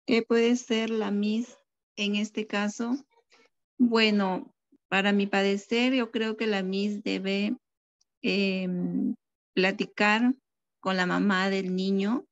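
A woman, a teacher-training student answering thoughtfully in an online class, pausing often. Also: mid-range voice, vocal fry, no echo. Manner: thoughtful, hesitant with fillers. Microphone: video call. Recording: dull lo-fi video call audio.

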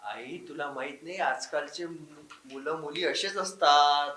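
A man's voice: on the high side, measured pace, sharp tone. An actor playing a young adult son, exasperated as he argues with his mother. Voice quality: pleading, exasperated. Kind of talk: web series acting. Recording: echoey room with music.

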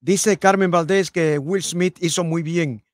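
A man's voice: a little high, steady tone, measured pace, no echo. An older man hosting a live radio talk show from a studio microphone, emphatic and repeating key phrases. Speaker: radio host. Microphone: studio mic with headphones.

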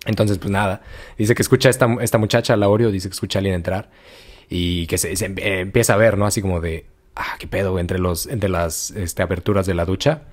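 A man with a Mexican Spanish accent, hosting a podcast and retelling history in a slangy, animated way, full of acted-out quotes. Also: deep voice, a little fast. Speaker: podcast host. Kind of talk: casual storytelling chat.

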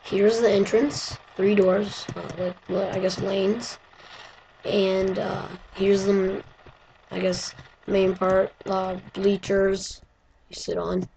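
A woman with a hoarse voice, giving a casual, rambling walkthrough of her game build with lots of hesitant fillers. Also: medium pitch, flat delivery, slow pace, dark tone, slight background noise, poor audio. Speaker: gaming video creator.

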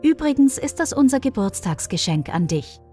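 A woman's voice: high voice, sing-song, moderate pace, warm tone, pitched above the performer's own voice. A woman voicing a firm middle-aged mother who speaks matter-of-factly to her grown son, with faint music behind.

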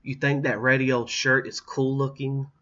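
A man voicing a snooty, competitive twelve-year-old girl in an audiobook reading, in a high, sneering voice. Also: moderate pace, pushed and bright, slightly rough, muffled recording.

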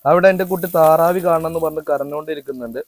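A man's voice: fairly high pitch, rapid-fire, no room sound. A man doing casual vlog narration outdoors behind a house, chatty and talking straight to viewers with teasing asides. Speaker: family vlogger cooking.

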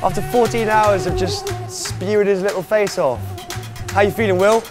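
A man's voice: high voice, steady tone, normal speed. A young man in his twenties with a British accent, chatting jokily and mocking himself as he vlogs a road trip on a lapel mic. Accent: British English. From United Kingdom. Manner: chatty, jokey and self-mocking. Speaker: travel vlogger. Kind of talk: casual travel vlog. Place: outdoors and in hotels on a road trip. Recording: music playing underneath.

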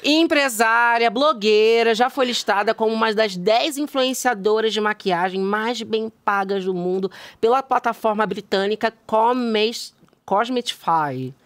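A woman's voice: a little high, a little slow, no room sound. A young Brazilian woman hosting a talk show, sarcastic and teasing, with theatrical outrage. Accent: Brazilian Portuguese. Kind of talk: mock-confrontational interview.

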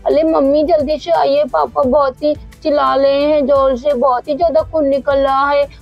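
A woman's voice: high-pitched, flat delivery, normal speed, vocal fry, lo-fi sound, soft background music. A woman voicing an eager little girl who pleads urgently, in a doll story. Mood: alarmed.

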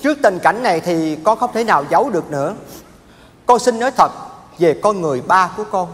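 A higher-pitched man's voice, earnest and polite, a young son. His words echo through a large theater hall. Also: animated, a little fast. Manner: earnest, respectful explaining. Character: earnest young man explaining his father. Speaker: stage comedy actor. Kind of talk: stage sketch acting. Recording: live stage with hall echo.

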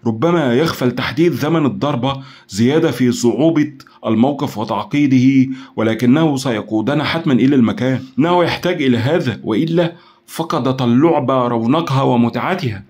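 A man's voice: medium pitch, rapid-fire, darkish tone, voice pushed up, natural voice. A man playing an earnest male psychologist on a team in an audio drama, arguing his case insistently.

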